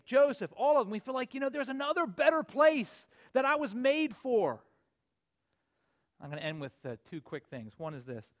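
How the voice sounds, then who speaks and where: Forties male preacher, high-pitched, earnest, builds to emphatic peaks. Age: 40s. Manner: earnest, rising to emphatic peaks then dropping low. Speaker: pastor. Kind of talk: sermon.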